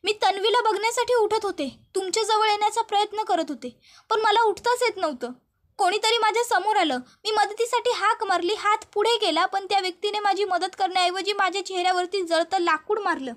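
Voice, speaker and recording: A woman voicing a frightened middle-aged woman who pleads slowly and shakily while recalling an attack. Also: extremely high pitch, a bit bright.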